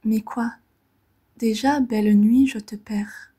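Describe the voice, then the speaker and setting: Pausing between brief phrases, a woman reads poetry with gentle, relaxing restraint. Her pitch is fairly high, her intonation mostly even, and her breathy voice often fades nearly to a whisper.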